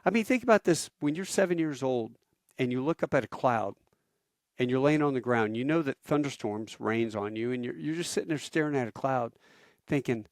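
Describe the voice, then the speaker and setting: An older man from the United States recounts his path to flying in an animated, storytelling manner. His voice sits in a middle pitch. The sound is dry and close. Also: fairly quick, no room sound. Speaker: guest, airline pilot. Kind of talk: storytelling interview.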